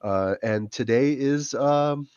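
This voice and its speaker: A hoarse man hosting a casual live-streamed podcast, talking haltingly with plenty of fillers. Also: mid-range voice, darkish tone, no room sound, highs cut off. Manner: halting, many filler words. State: hoarse from illness. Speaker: podcast host.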